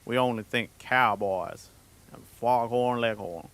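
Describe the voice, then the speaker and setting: A British man fakes an American Southern cowboy drawl while rambling casually to his livestream chat, swearing a lot and sounding self-conscious and playful. His voice is medium in pitch, fairly bright, and a little slow.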